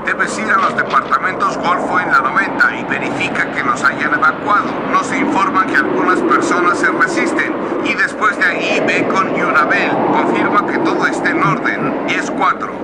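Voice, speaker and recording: Loud engine-like noise sits behind an actor playing a stern male police dispatcher. His slightly high voice is brisk, official and commanding, in dubbed film style. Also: natural voice. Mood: businesslike. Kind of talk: dubbed film dialogue over police radio.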